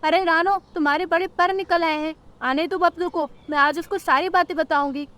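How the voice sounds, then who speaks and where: A woman's voice: very high-pitched, steady tone, normal speed, pitched above the performer's own voice. A woman voicing a grumpy old female bird, a nagging mother-in-law who scolds and complains, in a cartoon story. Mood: scolding. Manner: scolding, complaining, sharp-tongued.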